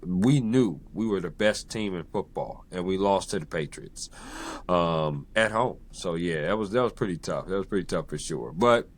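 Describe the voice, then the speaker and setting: Male podcast host from San Diego, very deep voice, laid-back chatty delivery full of fillers and affirmations. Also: normal speed. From San Diego, United States. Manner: relaxed, many fillers and repeated affirmations. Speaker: podcast host and sports journalist. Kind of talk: casual interview chat.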